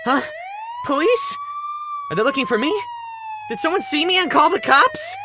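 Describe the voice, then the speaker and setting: A man's voice: extremely high pitch, huge pitch swings, moderate pace, noisy background, pitched above the performer's own voice, exaggerated voice. A man voicing a panicked young man turned into a blue hedgehog creature, babbling to himself in an amateur audio drama.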